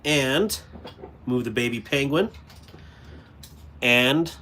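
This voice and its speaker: A man's voice: medium pitch, lively intonation, extremely slow, bright, forceful tone, slight background noise. Rambling man chatting on a livestream. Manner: rambling, talks to chat while sorting items. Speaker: livestream host. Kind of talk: casual live-stream chat. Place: indoors at a cluttered workspace.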